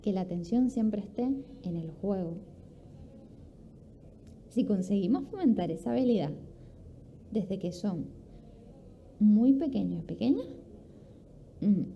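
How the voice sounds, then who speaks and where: A woman with a mid-range voice and vocal fry gives an instructive talk at a sports conference, explaining as she goes, posing rhetorical questions and acting out examples. The lo-fi recording sounds dull, with faint ambience and a little hiss or hum.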